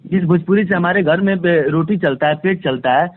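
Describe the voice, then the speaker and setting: This man's voice is high and moves at a normal speed, with no room sound around it. Speaking as a guest in a casual phone interview, he stresses points emphatically by repeating phrases. The phone-line capture sounds tinny and band-limited.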